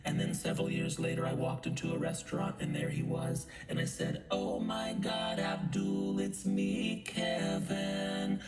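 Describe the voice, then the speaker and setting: A man's voice runs through a heavy pitch-correction effect, sung in swooping lines that leap all over his range. His voice is gravelly and sits in a roomy echo. Loud guitar plays behind him throughout. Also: sing-song, unhurried, few pauses. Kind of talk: auto-tuned sung story over guitar. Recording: echoey auto-tuned clip over loud guitar.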